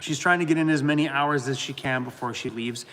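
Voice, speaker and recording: This man, a Canadian in his fifties, speaks fairly quickly in a bit bright voice while hosting a casual live stream. He rambles, reads viewer comments aloud, and addresses his dog in a high, coaxing tone.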